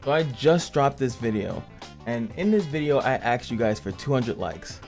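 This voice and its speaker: A man's voice: medium pitch, expressive, moderate pace, darkish tone, faint music behind. A man hosting a casual gaming commentary channel, joking and chatty as he reviews a character. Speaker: game reviewer and channel host.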